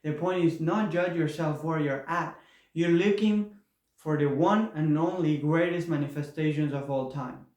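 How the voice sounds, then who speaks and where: A man's voice: a little high, normal speed, a little mellow. A man from Argentina, giving an earnest, repetitive motivational spiritual talk. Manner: earnest, repetitive, with rising enthusiasm. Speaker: spiritual vlogger. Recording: roomy echoey room.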